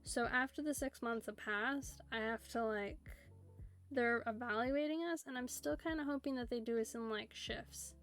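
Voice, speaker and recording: A woman in her twenties with a West Coast American accent chats loosely on her stream from home. Her voice sits a little high and carries a gravelly fry. She rambles and leans on "like" constantly. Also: normal speed, fairly bright tone. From United States, Seattle area. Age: 20s. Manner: rambling, filler-heavy talk with many "like"s. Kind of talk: casual chat. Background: faint music playing.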